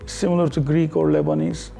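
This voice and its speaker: A man from Turkey with a Turkish accent, a guest on an interview show, speaking earnestly with halting fillers. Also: on the high side, very animated, gravelly, mellow, faint music behind. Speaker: guest entrepreneur. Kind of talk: casual interview talk.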